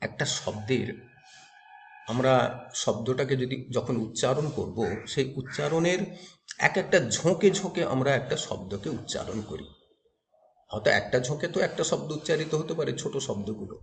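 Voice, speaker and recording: Man teaching a grammar lesson. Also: mid-range voice. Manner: explains step by step, repeats key terms, asks questions to the class. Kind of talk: grammar lecture to students.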